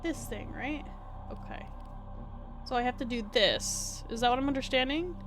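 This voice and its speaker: A woman VTuber casually chats while streaming a game from home, her soft, small voice sitting high at a moderate pace over music. She rambles, says "like" in nearly every phrase, and swears offhandedly, with her desk mic very close to her face.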